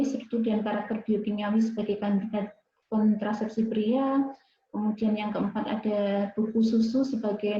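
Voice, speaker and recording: A woman moderating an online university lecture. She reads out a speaker's CV in a hesitant way, with many fillers and tag questions. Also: medium pitch. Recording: echoey, dull video-call audio.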